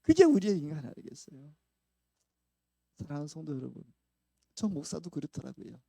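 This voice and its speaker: A male pastor giving a conversational sermon, telling a story with swings from hushed to loud and frequent laughter. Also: on the high side, steady tone, normal speed, vocal fry, no room sound. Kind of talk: conversational sermon with acted-out quotes. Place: church sanctuary.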